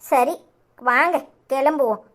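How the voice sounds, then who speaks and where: A woman's voice: high-pitched, slow. A woman voicing a willful young bride-to-be who sulks and teases her fiancé. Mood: sulky. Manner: teasing, sulky, sarcastic. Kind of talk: cartoon voice acting.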